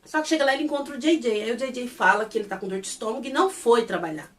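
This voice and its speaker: A woman with a Brazilian Portuguese accent, an animated and gossipy reviewer who recaps a series episode and acts out the characters' quotes. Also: a little high, very fast, recorded from a distance.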